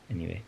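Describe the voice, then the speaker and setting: A man chatting with his wife in a vlog as husband and father, soft-spoken and halting, trailing off quietly. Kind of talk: casual chat.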